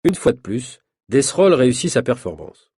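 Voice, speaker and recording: A man narrating a story for language learners in a measured, clearly articulated reading. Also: medium pitch, very animated, warm tone, dry recording, clean studio sound. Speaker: audiobook narrator.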